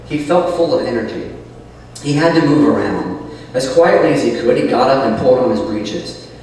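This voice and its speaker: A man's voice: mid-range voice, expressive, moderate pace, a little mellow, slight background noise. Man with a cave-like echo. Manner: chatty, rambling asides. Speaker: author reading his own novel. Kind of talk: casual chat, then reading a novel aloud. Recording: cheap mic, cave-like echo from far off.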